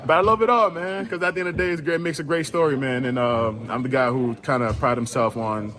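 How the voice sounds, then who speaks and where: A male football player from Liberia speaking in a relaxed, casual locker room interview. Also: mid-range voice, fast talker. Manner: relaxed, casual, frequent "man".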